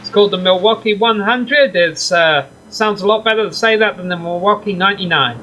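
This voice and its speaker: A man's voice: high-pitched, fairly quick, pushed and bright, slight background noise, rough recording. A man calling a sim racing broadcast as play-by-play commentator, chatty with wry asides. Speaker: race commentator.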